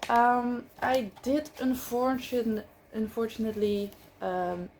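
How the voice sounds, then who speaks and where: Her delivery is flat and slow, her voice on the high side with a darkish tone, and a faint hiss or hum runs underneath. She's a book vlogger, not a native English speaker, reviewing casually with frequent fillers and self-corrections.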